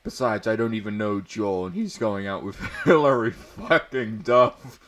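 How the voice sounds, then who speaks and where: A man's voice: fairly low pitch, lively intonation, unhurried, a bit bright, slight background noise. A man voicing an angsty, melodramatic teenage goth girl in a story reading, exclaiming and close to laughter. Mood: gushing, scornful.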